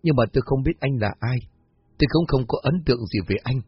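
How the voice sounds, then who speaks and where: A man's voice: medium pitch, quick pace, breathy edge, dry recording, lo-fi sound, faint music behind. A man voicing a frightened, desperate young woman in a storybook, pleading in a raised, tearful tone. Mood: bewildered. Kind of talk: storybook narration.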